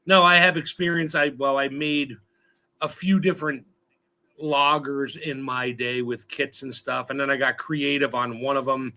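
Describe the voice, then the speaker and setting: A man's voice: medium pitch, steady tone, normal speed, pushed and bright. A man chatting casually on a gardening livestream, telling rambling, joking stories. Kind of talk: casual chat.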